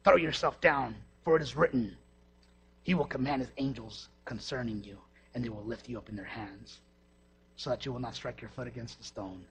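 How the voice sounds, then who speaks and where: A preacher putting on a low slow devil. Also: male voice, a little hiss or hum, natural voice. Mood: whispering. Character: low sinister male devil tempting. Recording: dull lo-fi recording.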